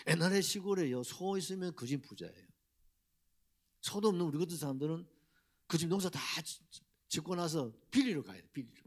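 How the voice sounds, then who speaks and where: Animated pastor preaching. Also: male voice, on the high side, husky. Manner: animated preaching with rhetorical questions to the congregation. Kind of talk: Sunday sermon. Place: church sanctuary.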